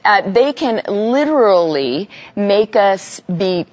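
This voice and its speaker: A woman's voice: medium pitch, animated, slow, darkish tone, lo-fi sound. A woman teaching parents in a live seminar, speaking conversationally and addressing the audience with everyday examples. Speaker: parenting educator giving a live talk.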